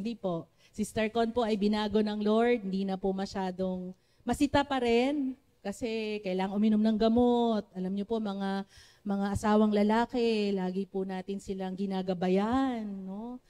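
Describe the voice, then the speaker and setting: A woman with a Filipino accent preaching a sermon to a church congregation, with a naturally loud voice, often calling on the congregation to respond. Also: medium pitch, moderate pace. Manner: switches between Tagalog and English, asks the congregation for responses.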